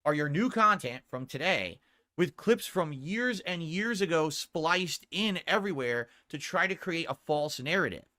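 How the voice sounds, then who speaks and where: A man's voice: fairly high pitch, expressive, measured pace, pushed and bright, no echo, clean studio sound. A man giving commentary that sounds read aloud.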